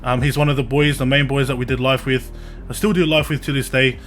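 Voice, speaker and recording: A man hosting a podcast in casual, earnest, slangy talk, often halting and repeating words. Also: medium pitch, steady tone, fairly bright tone, faint music behind. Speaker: podcast host. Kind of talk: casual chat.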